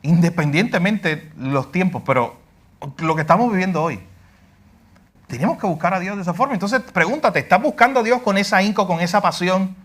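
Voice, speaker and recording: A man preaching a Bible class sermon in Puerto Rican Spanish. He is animated, rises to shouting when he quotes the cries, and puts questions straight to the listeners. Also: high voice, fairly quick. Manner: asks the listeners questions directly. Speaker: pastor.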